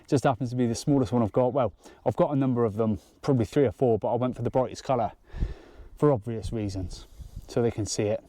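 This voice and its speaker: A man filming a casual fishing vlog outdoors by a lake dam, chatting excitedly and laughing often. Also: mid-range voice, quick pace, dry recording. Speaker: fishing vlogger.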